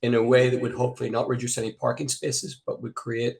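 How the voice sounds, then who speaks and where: A man's voice: medium pitch, level tone, fast, creaky, a little mellow, breathy edge. A man presenting remotely to a town board over an internet call that keeps breaking up, speaking earnestly with frequent hesitations. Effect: choppy internet call audio breaking up. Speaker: housing nonprofit representative.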